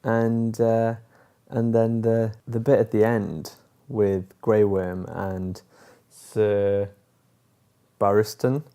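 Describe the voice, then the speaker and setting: Guy rambling to camera about last night's episode, kinda low mellow voice, cracks jokes, lots of ums. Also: flat delivery, extremely slow, smooth, dull audio. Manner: chatty and joking, with many fillers. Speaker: TV episode reviewer. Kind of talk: casual chat to camera.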